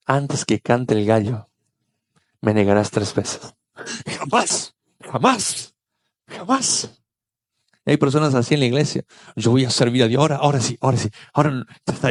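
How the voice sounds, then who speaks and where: A man preaching a sermon as pastor, acting out Bible scenes with voices and lively storytelling. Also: medium pitch.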